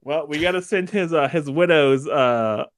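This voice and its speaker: A man co-hosting a podcast, trading dark deadpan jokes with his guests. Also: on the high side, moderate pace. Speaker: podcast co-host. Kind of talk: casual group podcast banter.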